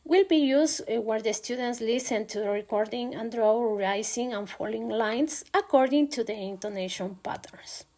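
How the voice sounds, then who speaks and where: A young woman walks through a pronunciation lesson as a student presenter, her voice sitting a little high. She talks in a hesitant, careful way, filling pauses with frequent "eh" sounds. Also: darkish tone. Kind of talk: recorded class presentation.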